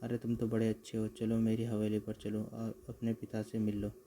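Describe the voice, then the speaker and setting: A man voicing a clever, sharp-tongued village woman in an animated comic, talking in a bossy, scolding way. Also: on the low side, moderate pace, slight background noise, close to an everyday voice. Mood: sweet-talking.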